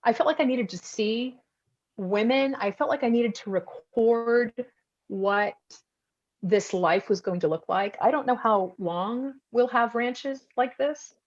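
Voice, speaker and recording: A woman's voice: fairly high pitch, measured pace. Woman from Texas, photographer-author, reflective and rambling, muffled video call sound. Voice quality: reflective, rambling with many restarts. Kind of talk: casual talk answering audience questions. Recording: dull lo-fi video call audio.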